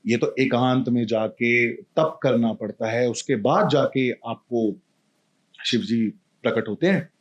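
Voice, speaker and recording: A man voicing a soft-spoken weary mother. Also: mid-range voice, slow pace, dry recording, muffled recording. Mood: gentle. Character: poor, weary mother of a small boy.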